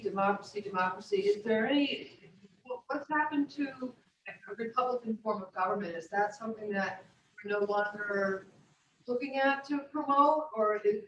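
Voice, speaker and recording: A woman on a committee, putting a polite, slightly halting question to a speaker. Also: on the high side, a bit bright, slight background noise. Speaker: committee member. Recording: distant echoey room, dull sound.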